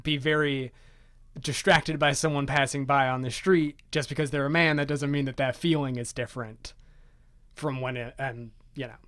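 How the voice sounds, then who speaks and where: A man in his twenties from Maryland, USA, guests on a podcast, telling personal stories casually with lots of "like" fillers and self-deprecating jokes. His medium-pitched, fairly bright voice is fairly even in intonation and normal in speed, with clean studio sound and no echo.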